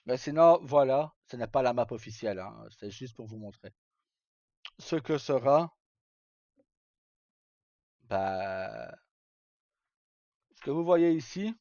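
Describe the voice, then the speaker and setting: Heard through a dull, roomy lo-fi stream microphone, this man has a mid-range, darkish voice. While live-streaming he talks to his viewers in a casual, informal way, explaining things hesitantly and going over the same points again.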